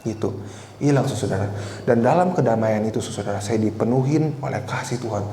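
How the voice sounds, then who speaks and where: Low-leaning and dark in tone, this man's voice moves a little fast as he, a preacher in his twenties, shares a personal story in a conversational sermon. He frequently speaks directly to the congregation. The church hall recording is echoey, with faint noise.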